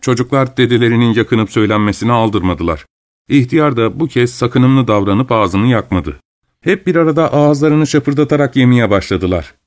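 Man reading a novel aloud. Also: mid-range voice. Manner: steady, even storytelling delivery. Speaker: audiobook narrator. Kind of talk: scripted narration.

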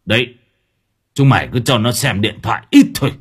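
A man voicing a gruff old village grandfather who grumbles and scolds. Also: mid-range voice, a little fast, fairly bright tone. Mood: grumbling.

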